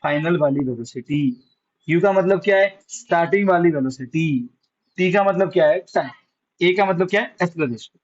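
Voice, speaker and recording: High-voiced male teacher coaxing his class. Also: normal speed, muffled recording. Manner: coaxing, asks the class questions and answers them himself. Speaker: science teacher. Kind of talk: classroom physics lesson.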